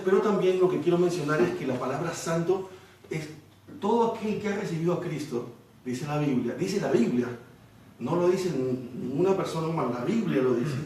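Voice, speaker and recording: A man's voice: fairly high pitch, a little mellow, a little hiss or hum. A man preaching a Bible study sermon, explaining the text at length and often checking in with rhetorical questions. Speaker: pastor. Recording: echoey room, mic far off.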